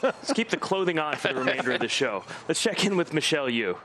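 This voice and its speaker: A man's voice: mid-range voice, sing-song, fast talker, pushed and bright, a little hiss or hum. A man hosting a live racing broadcast, telling stories about himself with a self-deprecating humor. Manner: joking, self-deprecating storyteller. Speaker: host.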